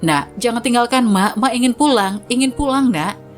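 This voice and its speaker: A woman's voice: on the high side, animated, moderate pace, natural voice. A woman reading the lines of a frail elderly mother who begs to go home, in a pleading way, over faint background music.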